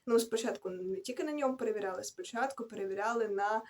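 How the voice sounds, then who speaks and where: A woman's voice: medium pitch, fast talker. A young woman rambling casually through her book reviews in a vlog, correcting herself and adding slangy asides as she goes. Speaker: book vlogger.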